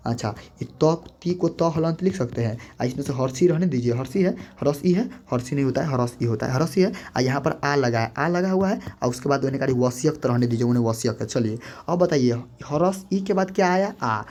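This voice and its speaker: Man, teacher at a board, warm mellow tone, coaxing, repetitive. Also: medium pitch, animated, brisk, hardly any pauses. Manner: repetitive, coaxing, quizzes the listener. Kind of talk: board-explaining grammar lesson.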